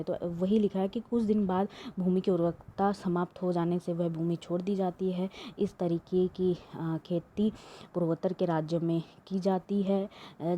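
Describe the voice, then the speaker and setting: A woman's voice: lowish voice, mellow, a little hiss or hum. A woman teaching an exam-prep lesson, reading questions aloud and explaining them with many fillers and restarts.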